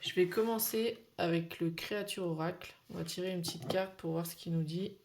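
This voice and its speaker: A French woman giving a casual weekly card reading, pausing often with fillers and restarts. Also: lowish voice, vocal fry, heavy background noise. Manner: hesitant, many fillers and restarts. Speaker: tarot card reader.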